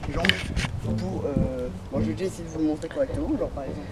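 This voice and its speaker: A man's voice: on the high side, steady tone, fast, very noisy. A man casually presenting a parkour vlog outdoors, thinking aloud in fragments. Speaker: parkour video creator and presenter. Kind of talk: casual vlog commentary while doing stunts. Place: outdoors in sunshine. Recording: loud music over the voice.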